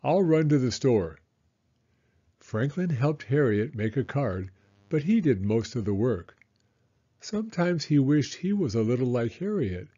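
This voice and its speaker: With dull-sounding audio, this clip has a man telling a children's storybook aloud. His mid-range delivery is expressive and measured, the way a storyteller paces a tale.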